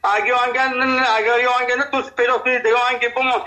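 A man's voice: extremely high pitch, flat delivery, pushed and bright, poor audio. An older man calling into a radio show from Afghanistan, reciting folk verses and talking in a plain, rambling way. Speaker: caller. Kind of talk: phone call into a radio show.

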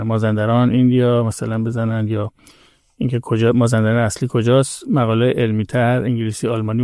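Male podcast guest, measured explainer, dark relaxed timbre. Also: mid-range voice, no echo, studio quality. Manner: measured, explanatory, hedges and corrects himself. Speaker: podcast guest, expert on history. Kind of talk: casual podcast chat.

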